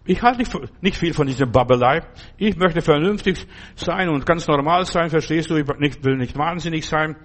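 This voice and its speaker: Man preaching with loud repeated proclamations. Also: a little high, moderate pace. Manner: repetitive, proclaiming, swings between loud outbursts and quiet asides. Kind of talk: informal sermon.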